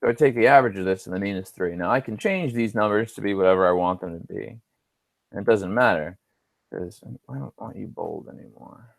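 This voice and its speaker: A man with a fairly low voice talks through homework answers as he works on screen. He speaks casually, thinks aloud, and slips in dry offhand asides. The sound is close and dry, with no room in it. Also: a little fast, gravelly, no echo. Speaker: instructor. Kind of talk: screen-recorded homework walkthrough.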